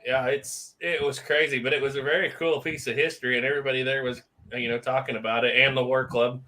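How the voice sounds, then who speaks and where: A man's voice: medium pitch, level tone, quick pace, bright, forceful tone, low-quality recording. A man hosting a live stream, chatting casually and laughing often while telling stories. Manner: laughs often, easygoing storyteller. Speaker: host. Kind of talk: casual chat.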